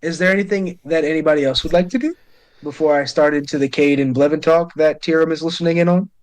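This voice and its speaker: A man narrating as game master of a tabletop game, casual and quick to laugh. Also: a little high, fairly even intonation, darkish tone, low-quality recording. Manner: casual, laughing, self-correcting.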